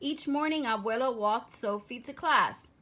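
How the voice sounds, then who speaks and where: With a fairly high-pitched voice, this female storyteller performs a children's picture book, stressing words dramatically and shaping each phrase with care and expression.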